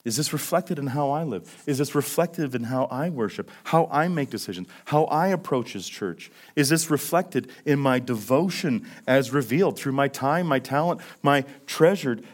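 A man preaching a sermon as pastor, swinging between loud emphasis and hushed questions, with many rhetorical questions. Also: mid-range voice, expressive, moderate pace, few pauses. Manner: repetitive rhetorical questions, frequent "right?".

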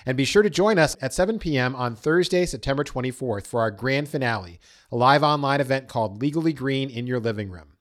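A man hosting a podcast, reading a scripted introduction in an even, announcer-like way. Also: mid-range voice, fairly quick. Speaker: podcast host.

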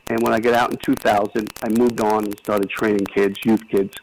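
Speaking at a normal pace with a flat delivery, this older New York City man has a fairly low, slightly mellow voice with vocal fry. A retired basketball coach, he rambles earnestly and casually through memories as a guest in a phone interview marked by noise and clicks.

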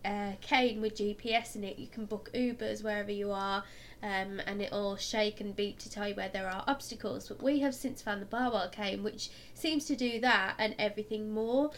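A woman co-hosting a podcast in casual chat, with a croaky voice from being ill and a giggly, jokey manner. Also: medium pitch, moderate pace, hardly any pauses, slight background noise. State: poorly with flu or cold. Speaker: podcast co-host.

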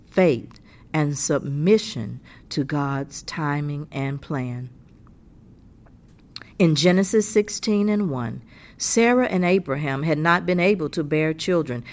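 Slow, low-voiced woman reading a devotional. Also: a little mellow. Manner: slow, earnest, encouraging. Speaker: devotional speaker.

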